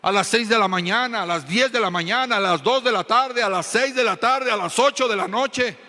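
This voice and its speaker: A pastor preaches with a high, ringing and bright voice, pressing hard and confronting his listeners. He keeps drawing answers from the congregation, and his words carry a long reverb through a church hall. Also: moderate pace. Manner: emphatic, confrontational preaching with call-and-response to the congregation. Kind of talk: sermon. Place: church sanctuary.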